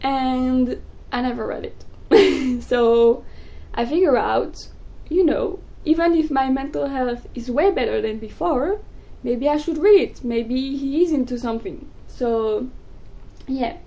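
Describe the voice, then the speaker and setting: A young woman, a native French speaker, chatting excitedly about books in a casual vlog. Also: high voice, poor audio. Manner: excitable, gushing, quick bursts. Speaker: book vlogger. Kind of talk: casual chat to camera.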